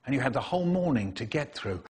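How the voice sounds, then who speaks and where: A man reading comic stories aloud in a very expressive way, making sound-effect noises and doing voices. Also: mid-range voice, fast talker, husky. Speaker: storyteller. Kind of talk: animated comic story reading.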